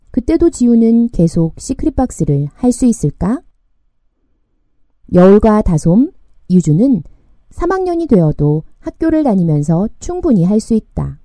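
A woman narrating a young adult novel in a calm, measured audiobook reading on a close mic. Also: mid-range voice, dry recording.

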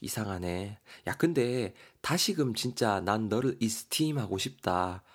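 A man teaching English words in a casual podcast lesson, acting out example dialogues with lively shifts in voice. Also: fairly low pitch, measured pace. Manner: animated, acts out example dialogues.

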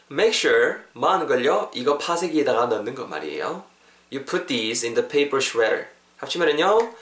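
Lively man teaching English phrases. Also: a little high, roomy sound. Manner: energetic, drills phrases slowly and repeats them for learners. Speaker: English teacher, podcast host. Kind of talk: podcast English lesson.

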